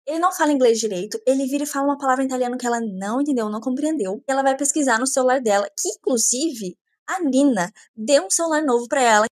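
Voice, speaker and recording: A woman's voice: sits high, fast talker, no room sound. A woman, recapping a novel in a chatty way with sarcastic asides. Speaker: book reviewer. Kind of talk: casual book recap.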